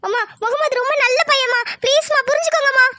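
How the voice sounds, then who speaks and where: A woman's voice: very high-pitched, steady tone, quick pace, bright, forceful tone, no echo, studio quality. A woman voicing a desperate young daughter in a cartoon, begging her family tearfully. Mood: pleading.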